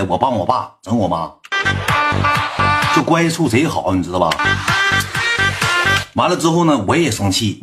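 Young man, Northeast Chinese accent, low-voiced livestream storyteller, brisk, slangy, animated. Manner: slangy, swearing, animated retelling with repeated asides.

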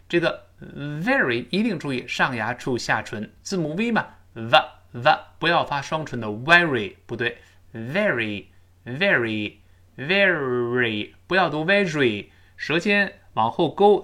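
A native Chinese-speaking man teaches English pronunciation, explaining sounds in detail and slowing way down on model sentences in repeat-after-me drills. His voice is on the high side, pushed and bright.

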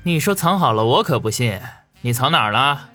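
A cheeky, foul-mouthed young burglar, voiced by a man narrating the story. His pitch swings widely as he teases and swears. Faint music sits behind him. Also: very animated, normal speed, breathy edge, exaggerated voice. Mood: teasing. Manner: coarse, swearing, teasing. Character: crude mischievous young male burglar. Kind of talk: audiobook character voice.

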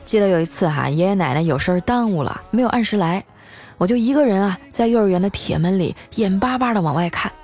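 A woman hosting a show, telling comic stories about her life in a chatty way, with lots of drawn-out filler particles. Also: mid-range voice, lively intonation, a little mellow, soft background music. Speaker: host. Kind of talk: scripted comic storytelling.

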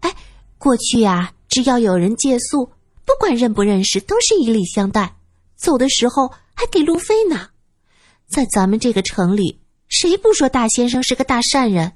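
A woman's voice: on the high side, big pitch swings, moderate pace, no echo, clean studio sound, pitched above the performer's own voice. A woman voicing a chatty young maidservant who praises her household earnestly. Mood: eager.

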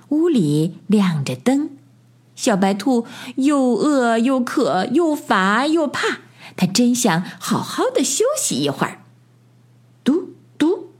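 A woman's voice: a little high, a little mellow, husky. A woman narrating a bedtime story for children in a lilting storybook voice. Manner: slow, lilting storybook delivery.

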